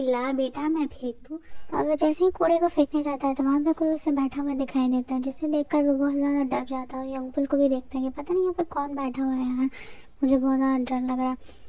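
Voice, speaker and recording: A woman with a high, mellow voice retells a drama's plot scene by scene. She keeps it chatty and informal, slipping English words in as she goes. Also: fairly even intonation, brisk. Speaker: drama recap narrator. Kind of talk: casual storytelling recap.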